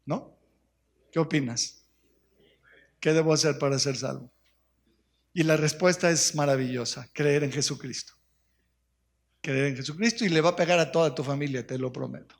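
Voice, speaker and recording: A man's voice: fairly high pitch, moderate pace, vocal fry, long pauses. A man preaching a sermon in a church, emphatic and full of rhetorical questions. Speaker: pastor. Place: church sanctuary.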